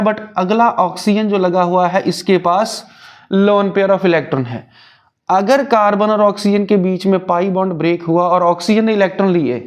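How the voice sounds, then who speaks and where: High-voiced, unhurried male chemistry teacher. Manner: explains step by step, asks and answers his own questions. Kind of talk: Hindi-English chemistry lecture.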